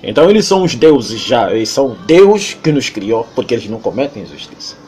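Soft background music plays as an Angolan interviewee speaks in an emphatic monologue, lecturing and repeating himself often in Angolan Portuguese. His mid-range voice is very animated and darkish in tone, and he moves a little fast.

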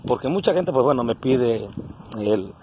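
Holding his phone at arm's length, a vlogger in his forties delivers a casual selfie monologue, beginning indoors at home and then outside by a road. His coastal Guerrero Mexican accent comes through in earthy, salty, colloquial talk; his medium voice is animated and unhurried, with background noise around him.

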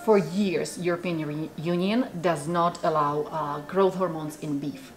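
In a small office with bookshelves, a Czech woman in her forties who founded a food company gives a casual, animated interview with many fillers. Her low voice carries a Czech accent, fairly even intonation, and a measured pace.

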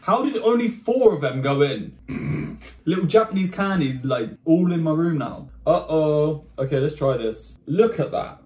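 A young man vlogging in his bedroom as he tries candy, excitable and joking, cursing and exclaiming as he goes. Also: a little high, measured pace, reverberant. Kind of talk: casual candy-tasting vlog.

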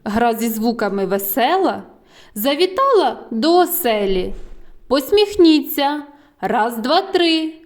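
A woman teaching a lesson to small children in a slow, sing-song way, drawing out sounds and asking coaxing questions. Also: high voice, big pitch swings. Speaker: preschool teacher.

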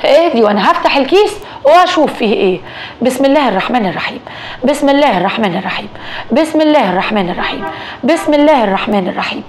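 A woman voicing a calm, practical Egyptian husband in a told story, speaking steadily in a slightly lowered voice. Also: rapid-fire, a little hiss or hum, natural voice. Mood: steady. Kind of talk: storytelling dialogue.

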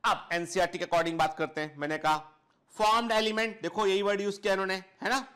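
Speaking a little fast in a high, steady, fairly bright voice, this man teaches biology to a class. He walks through the material step by step, goes over key points again, and affectionately calls his students children while often tossing in brief tag questions to confirm they understand. A lapel mic clipped to him picks up the sound.

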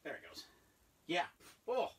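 A man in his thirties chatting casually and rambling with excitement as he unboxes old toys in a cluttered basement room. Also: unhurried, far from the mic, background noise. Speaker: toy collector vlogger. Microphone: camera a few feet away.

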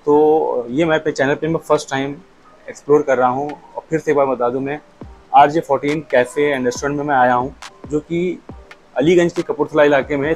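A man's voice: mid-range voice, low-quality recording. A man in his thirties with a Lucknow accent, chatting casually to the camera as he tastes dishes at a restaurant table, on a lapel mic. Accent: Lucknow Hindustani. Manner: relaxed, chatty, describes each dish while eating. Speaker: food vlogger. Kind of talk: casual food review to camera.

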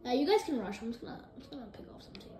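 A woman giving excitable live gameplay commentary, jumping between hyped shouts and low mumbles. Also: racing. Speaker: gaming video creator. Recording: roomy echo with faint noise.

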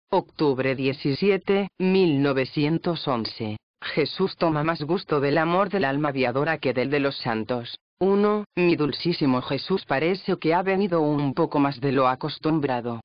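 A man giving a steady, even scripted reading of a mystic's diary, numbering each paragraph aloud. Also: on the high side, no room sound. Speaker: reader. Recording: dry, slightly dull recording.

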